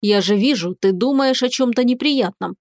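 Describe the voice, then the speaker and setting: A woman's voice: a little high, moderate pace, darkish tone, no room sound, clean studio sound, lightly acted. Woman voicing a cold, stern male dragon. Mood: earnest. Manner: cold, tired and irritated. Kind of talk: audiobook character reading.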